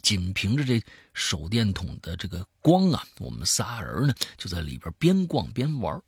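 Gravelly husky man telling a spooky tale. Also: fairly low pitch, wildly swooping pitch, normal speed, no room sound, clean studio sound. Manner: dramatic storyteller, swinging between hushed and loud. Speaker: host reading a listener's story. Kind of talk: storytelling in first person.

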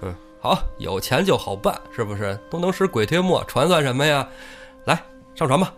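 A man's voice: sing-song, moderate pace, a bit bright, faint music behind. A man doing a sly, drawling river boatman. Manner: drawling, mocking, low-voiced. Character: sly menacing boatman, middle-aged man. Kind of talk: comic storytelling podcast.

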